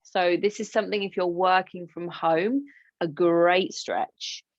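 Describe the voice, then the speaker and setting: A woman yoga teacher from England guiding a class with gentle, encouraging instructions and chatty asides. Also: lowish voice, fairly even intonation, a little slow, no room sound, muffled recording.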